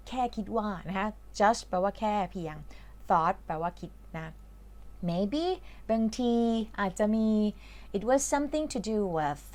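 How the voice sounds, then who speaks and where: A Thai woman who teaches English explains a reading lesson patiently, chatting along with plenty of fillers. Her voice sits at medium pitch and is a little mellow.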